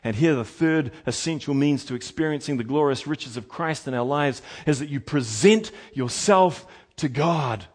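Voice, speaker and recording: A man preaching a sermon with passion, moving from loud exhortation to hushed tones. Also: a little high, normal speed, few pauses.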